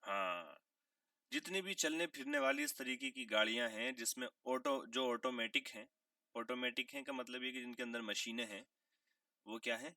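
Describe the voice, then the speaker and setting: A man teaching a vocabulary lesson, asking questions and answering them himself, repeating key words and clearing his throat now and then. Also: medium pitch, big pitch swings, bright, forceful tone, no echo, studio quality, distant mic. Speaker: English teacher.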